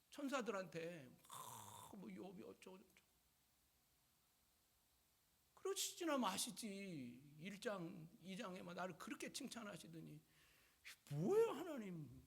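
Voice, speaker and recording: A man's voice: huge pitch swings, a little slow, vocal fry, fairly bright tone, slightly rough, full character voice. A man voicing a suffering man who pleads with God in an indignant, plaintive way. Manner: plaintive, indignant, swinging pitch.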